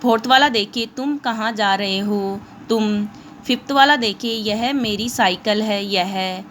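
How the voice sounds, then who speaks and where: A woman teacher giving an online lesson to young pupils, explaining slowly and mixing in English words. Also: mid-range voice, fairly bright tone, a little hiss or hum.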